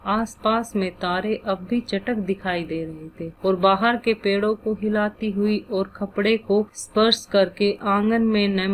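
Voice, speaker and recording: A woman narrating a literary short story at a slow, deliberate pace, voice sitting at a mid pitch. A faint background noise runs beneath her steady reading. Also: low-quality recording.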